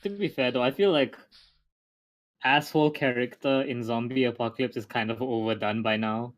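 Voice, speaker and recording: A man's voice: mid-range voice, normal speed, poor audio. A young man co-hosting a casual podcast chat, making wry remarks and giving short back-channel replies. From Malaysia. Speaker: podcast co-host.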